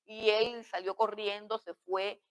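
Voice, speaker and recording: A middle-aged woman gives a class on preaching at a Bible school, with an earnest, steady delivery in a medium register. She repeats key words for emphasis and answers her own questions as she teaches. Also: medium pitch, takes it slowly, smooth, rough recording.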